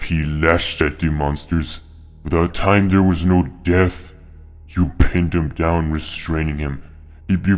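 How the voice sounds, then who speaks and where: A man voicing a scheming male bear character delivering a slow, ominous monologue for a game. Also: a bass voice, a little mellow.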